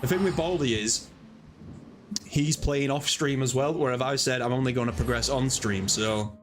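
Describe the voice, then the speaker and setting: A man's voice: mid-range voice, normal speed, soft background music. A man live-streaming a game, chatting casually in a rambling, self-deprecating way.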